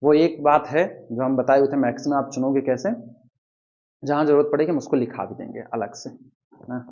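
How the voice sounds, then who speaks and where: A man teaching a math lecture at the board, quizzing his students and slowly counting through terms. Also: medium pitch, darkish tone, highs cut off.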